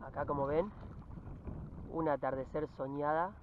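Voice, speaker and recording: A man's voice: a little high, fairly even intonation, unhurried, narrow, tinny audio. A man with an Argentine accent hosting a fishing show outdoors, chatting upbeat to viewers from a windy riverbank. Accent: Argentine Spanish. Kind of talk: casual outdoor commentary.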